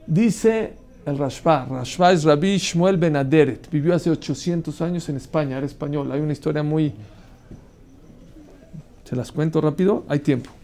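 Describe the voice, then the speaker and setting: A man teaching a Torah class, telling a long story with lively pauses and questions to his listeners. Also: a little high. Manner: animated storyteller, asks the audience questions, mixes Hebrew terms.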